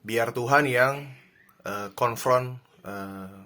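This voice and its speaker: Bright-voiced man giving calm advice. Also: medium pitch, drawn-out words. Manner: calm, reflective, many fillers and restarts. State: married. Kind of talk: casual advice talk.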